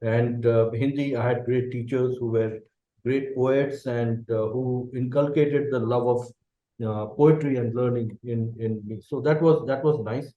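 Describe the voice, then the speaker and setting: This middle-aged Indian man, a native Bengali speaker and company managing director, answers interview questions thoughtfully in Indian English, often checking in with a quick "okay." His mid-range voice keeps a fairly even intonation. The audio is reverberant, narrow and tinny.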